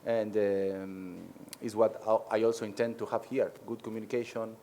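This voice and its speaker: Answering the press, a Spanish-speaking head coach from Argentina works through his English haltingly, with many pauses. He speaks in a fairly low, dark-toned voice with a flat delivery.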